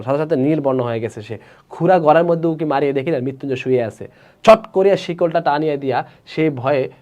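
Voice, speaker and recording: A man's voice: medium pitch, a little mellow. A man with a Bangladeshi Bengali accent teaching a literature class, reading story lines aloud and explaining them in casual speech, asking students questions.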